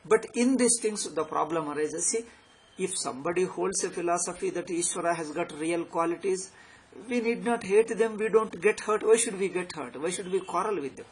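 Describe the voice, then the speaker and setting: A man's voice: high voice, moderate pace, low-quality recording. South Indian man teaching, with background noise. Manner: emphatic, repeats phrases for emphasis. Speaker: spiritual teacher. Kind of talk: extempore philosophy lecture.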